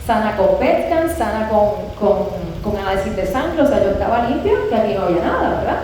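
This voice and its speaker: A woman giving a heartfelt personal testimony, an expressive storyteller who acts out remembered dialogue. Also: medium pitch, fairly quick. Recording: very echoey room with faint background noise.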